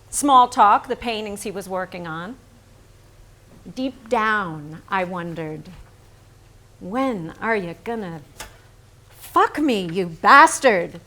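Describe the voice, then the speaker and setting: A yearning note runs through this mid-range, slightly bright performance of a candid, lovestruck woman painter in her thirties. The actress speaks in a staged reading with deliberate, intimate dramatic delivery.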